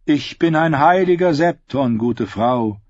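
A man's voice: on the high side, animated, unhurried, darkish tone, no echo, highs cut off, pitched above the performer's own voice. A man reading aloud as a humble holy man who courteously pleads for shelter. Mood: pleading.

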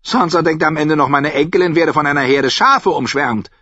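A man voicing a sharp-tongued old noblewoman who mocks everyone bluntly and chattily. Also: a little high, normal speed, no room sound, pitched above the performer's own voice. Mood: tart mocking. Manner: cutting, scornful, chatty. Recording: dull, dry audiobook recording.

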